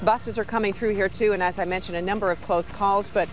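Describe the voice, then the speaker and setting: A woman's voice: mid-range voice, steady tone, fast. A woman in her thirties with an American accent giving a live field report outdoors. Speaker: TV news reporter. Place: outdoors on a snowy street.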